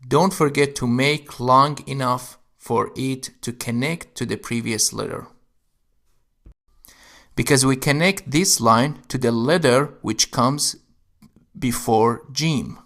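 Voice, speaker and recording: Slow, gravelly male Arabic teacher. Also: medium pitch, fairly bright tone. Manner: slow, step-by-step explaining. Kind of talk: instructional narration.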